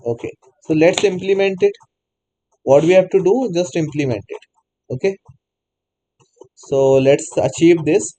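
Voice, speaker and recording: Male instructor, slightly high voice, mellow tone, coaxing answers from a class. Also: a little slow, pauses often, rough recording. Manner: prompts students repeatedly, non-native English phrasing. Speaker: programming teacher. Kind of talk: live online class, questioning students.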